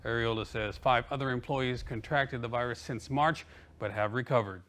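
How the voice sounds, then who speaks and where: A man's voice: mid-range voice, normal speed, fairly bright tone. A man reading scripted local television news as an anchor.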